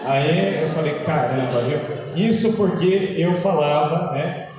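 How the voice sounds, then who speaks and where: A man's voice: a little high, slow, noisy background. A Brazilian man, a teacher, telling humorous stories to a parish group and acting out the voices he quotes. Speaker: teacher giving a parish lecture. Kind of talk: anecdotal talk to a parish group. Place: large parish hall. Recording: echoey hall, distant dull mic.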